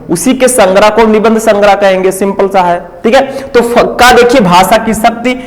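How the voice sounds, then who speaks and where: High-voiced male teacher in a reverberant room. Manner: coaxing, asks students to comment; repeats "ठीक है" often. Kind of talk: exam-prep lesson.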